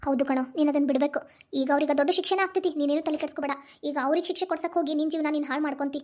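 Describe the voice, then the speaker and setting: Woman as weepy protective cartoon mother, North Karnataka accent, high voice, very rapid speech. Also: steady tone, a little mellow, close to an everyday voice. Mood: tearful. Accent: North Karnataka Kannada. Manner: tearful, anxious, protective. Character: grieving mother reunited with her son. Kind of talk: cartoon voice acting.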